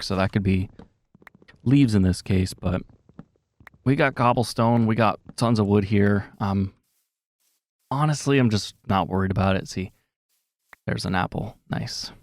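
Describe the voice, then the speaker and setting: A man's voice: fairly low pitch, measured pace, darkish tone. A man giving casual, rambling gameplay commentary, full of fillers and self-corrections, with a slightly sore throat. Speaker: gaming commentator.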